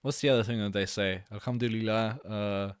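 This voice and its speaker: A man streaming live, reacting to a video with excitable, swearing, joking commentary. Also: fairly low pitch, a little fast, clear, resonant tone, no room sound, studio quality. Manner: excitable, swears, laughs and jokes a lot.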